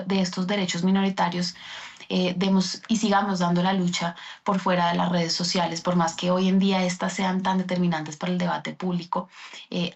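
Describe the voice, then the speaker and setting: Casting: woman analyst, flat gravelly voice, thinking aloud, lo-fi remote feed. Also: lowish voice. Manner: thoughtful, with frequent fillers. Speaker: interview guest, analyst. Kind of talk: remote interview answer. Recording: dull lo-fi remote link.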